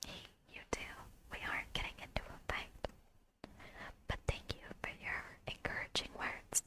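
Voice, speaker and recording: In an ASMR-style recording, a woman voices video game dialogue in a careful, hushed whisper, close to the mic and soft with breath.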